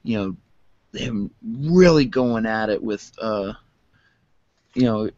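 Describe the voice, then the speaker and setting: A man with a self-described monotone voice chatting casually through a toy unboxing, rambling with lots of fillers. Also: fairly low pitch, slow, dry recording, muffled recording. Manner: rambling, many fillers, calls own voice monotone. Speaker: vlogger.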